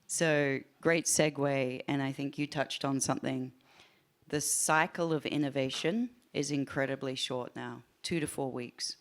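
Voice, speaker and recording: A panelist speaking in a polished, confident way in a panel discussion. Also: medium pitch. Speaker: panelist, aerospace company executive.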